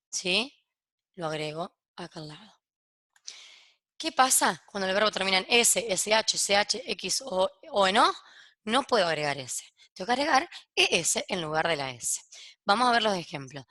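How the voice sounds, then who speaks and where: Bright woman teacher, walks kids through english verb endings one by one, keeps asking ok?, dry close sound. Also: medium pitch, no echo. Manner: explains step by step, checks in with "¿ok?" after each point; switches between Spanish explanation and English examples. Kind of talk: recorded grammar lesson for kids.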